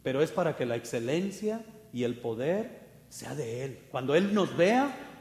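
A man preaching a fervent sermon, swinging from loud exhortation to quiet asides, in an echoey church hall. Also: medium pitch, big pitch swings, unhurried. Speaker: pastor.

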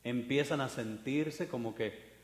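A pastor preaching a sermon, moving from hushed to loud and emphatic, now and then mocking proud people in put-on voices. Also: male voice, mid-range voice, unhurried. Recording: echoey hall with long reverb.

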